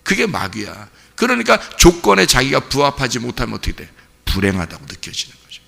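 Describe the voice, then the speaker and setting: A male pastor delivering an earnest, conversational sermon in a church sanctuary and putting questions to the congregation. His voice is strongly gravelly, with a forceful, bright edge. A long hall reverb follows every phrase. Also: mid-range voice, wildly swooping pitch, fairly quick.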